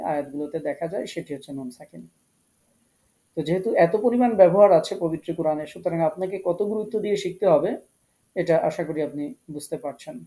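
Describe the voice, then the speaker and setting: Patient male tajweed teacher, mellow voice. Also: on the high side, poor audio. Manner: patient, explanatory, repeats key points slowly. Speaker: Quran recitation teacher. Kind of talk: online tajweed class lecture.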